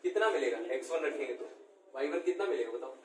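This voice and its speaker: A man's voice: fairly high pitch, animated, quick pace. A man teaching a math class, constantly quizzing his students and checking they follow. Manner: keeps quizzing students, checks understanding with short questions. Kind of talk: classroom lesson. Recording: echoey room, mic far off, faint background noise.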